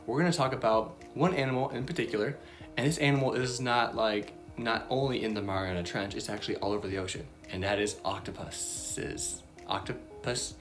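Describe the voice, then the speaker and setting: Briskly and in a very deep voice, a woman chats her way through a casual Bible lesson for young children. She's bubbly and leans on many fillers, with soft background music.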